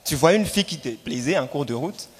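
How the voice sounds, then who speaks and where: A man's voice: on the high side, lively intonation, brisk, slightly rough. A man performing punchy stand-up comedy, telling stories theatrically with acted-out dialogue and emphatic repetition. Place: live show in a hall. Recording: echoey hall, distant reverb, background noise.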